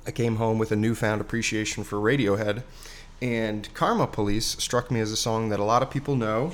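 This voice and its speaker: Sitting at the piano, a man with a lowish voice rambles informally on his own, speaking a little fast. The dangling microphone hangs away from his mouth, so he sounds distant, with music and a slight hiss or hum.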